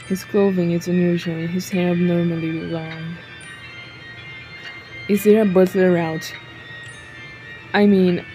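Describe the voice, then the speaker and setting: Woman reading a visual novel aloud, jokey asides, lowish voice, game music playing underneath. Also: warm tone, poor audio. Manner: reads narration, breaks off to joke and laugh. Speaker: game streamer.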